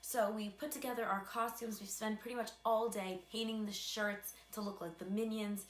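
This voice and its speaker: A woman's voice: medium pitch, steady tone, moderate pace. Chatty young American woman, echoey room. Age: young adult. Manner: chatty, self-deprecating, dry asides. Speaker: video creator telling a personal story. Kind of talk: casual storytime monologue. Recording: echoey room with faint background hum.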